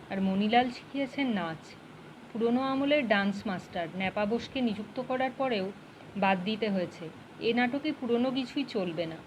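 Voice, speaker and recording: A woman narrating an audiobook in a steady, measured reading voice. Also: medium pitch, a little hiss or hum, poor audio. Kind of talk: storybook narration.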